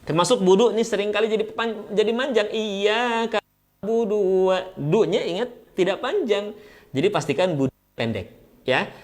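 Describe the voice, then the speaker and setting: A man teaching Quran recitation, explaining pronunciation rules in a friendly way and then chanting each verse slowly. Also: high-pitched, expressive, darkish tone. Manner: light, friendly jokes. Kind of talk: recitation lesson.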